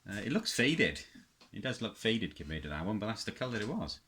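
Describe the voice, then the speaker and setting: Speaking fairly quickly in a low, sing-song voice with a touch of brightness, this Welsh presenter rambles off the cuff about his radio hobby. He's middle-aged, with a South Welsh accent, and his hesitant, reminiscing show-and-tell carries a slight background hiss or hum.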